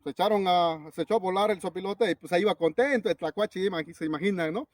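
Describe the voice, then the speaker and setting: A man from a Zapotec-speaking community with a Mexican Spanish accent, a teacher telling a folk tale in a relaxed, conversational way. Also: high voice, fast talker, dry recording, clean studio sound. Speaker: teacher and storyteller.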